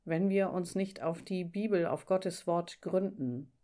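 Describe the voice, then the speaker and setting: A woman leading a church devotion with readings and reflection, speaking in a solemn, measured and deliberate way. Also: fairly low pitch, warm tone.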